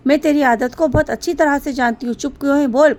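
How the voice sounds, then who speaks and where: A woman's voice: sits high, steady tone, fast talker, a little mellow, natural voice. A woman doing a bossy know-it-all little sister.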